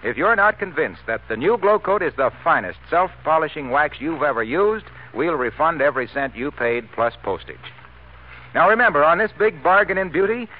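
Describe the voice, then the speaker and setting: A man's voice: a little high, narrow, tinny audio. An American man announcing for a 1940s radio sponsor with emphatic, polished salesmanship, on an old radio recording.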